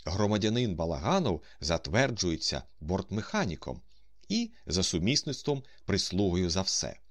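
A man's voice: low-pitched, very animated, moderate pace, no room sound, studio quality. A man playing a grand, scheming con man who speaks in a haughty, commanding, coolly ironic way.

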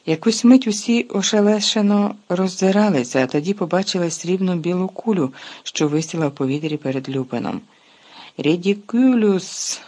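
Husky, expressive audiobook narrator. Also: mid-range voice. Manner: lively, expressive storytelling with sharp shifts in loudness. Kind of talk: audiobook reading.

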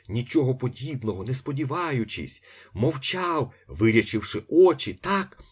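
A man reading a novel aloud as an audiobook, with expressive storytelling narration. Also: on the low side, slightly rough. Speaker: audiobook reader. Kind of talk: scripted narration.

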